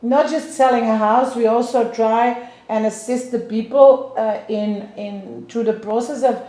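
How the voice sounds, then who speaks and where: Speaking at a measured pace with a steady tone, a fifties-aged Belgian woman working as a real estate agent has a casual interview with clients, explaining at length and restarting many times. Her voice is fairly high yet dark, and the recording sounds echoey.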